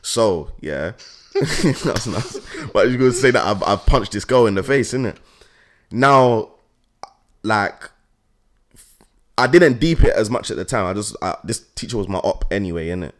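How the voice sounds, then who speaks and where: London roadman, deep and very animated. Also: unhurried, pauses often. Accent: London roadman, Multicultural London English. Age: young adult. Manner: emphatic storytelling, slangy. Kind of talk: casual animated group chat with heavy street slang.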